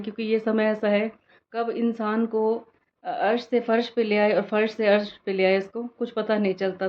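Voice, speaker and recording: A woman, chatting to viewers directly in a casual family vlog. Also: medium pitch. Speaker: vlogger. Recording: slightly dull phone audio with faint noise.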